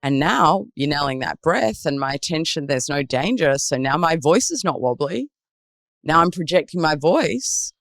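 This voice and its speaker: An animated woman coaching on performance and mindset in a podcast interview. She asks her listener guiding questions and acts out the worried voices in people's heads. Her voice is recorded close and dry, with no room sound. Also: sits low, moderate pace, dry recording. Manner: animated, acts out anxious inner voices and self-talk.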